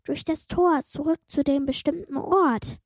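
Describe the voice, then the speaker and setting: Small teasing demon girl, voiced by a woman; slow and dry, close to the mic. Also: high voice, steady tone, no room sound. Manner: teasing, sarcastic. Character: small, cheeky young female demon.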